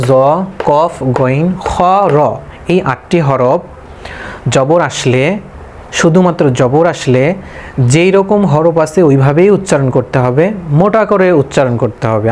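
A man with a Bangladeshi Bengali accent teaching a tajweed lesson, repeating letters one by one in a slow, patient drill. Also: fairly high pitch, darkish tone, a little hiss or hum. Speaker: Quran recitation teacher.

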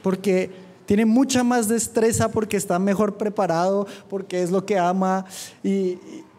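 A man preaching a sermon at a church youth meeting, fervent and dropping quick humorous asides. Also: sits high, steady tone, mellow.

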